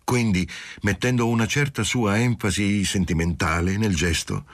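A man giving steady, measured literary audiobook narration. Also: on the low side, no echo.

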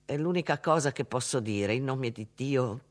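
A man's voice: medium pitch, normal speed, lightly acted. A man voicing a grieving father who speaks in a hesitant, subdued way. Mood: bewildered. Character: stunned grieving father, bewildered.

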